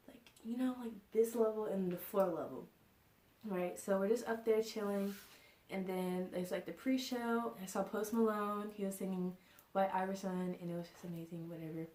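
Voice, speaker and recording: A woman's voice: medium pitch, mellow. A young woman telling a story in a chatty vlog, with many fillers and frequent laughs. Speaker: vlogger. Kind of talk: casual storytime. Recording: roomy echo.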